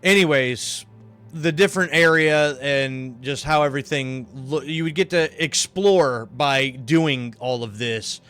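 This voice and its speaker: A man's voice: medium pitch, measured pace, a bit bright, clean tone, soft background music. A tired man giving rambling gameplay commentary on a livestream, thinking aloud with many fillers, over a headset mic. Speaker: streamer.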